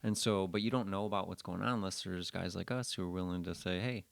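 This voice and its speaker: Low-voiced American man, podcast co-host. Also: steady tone, fast talker, creaky, no echo. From Flint area, Michigan, United States. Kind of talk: casual chat. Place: bunker, indoors.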